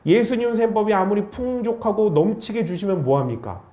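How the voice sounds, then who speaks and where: A man preaching a sermon as pastor, animated, asking rhetorical questions of the congregation. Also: high-pitched, fairly quick. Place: church sanctuary. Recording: echoey church hall.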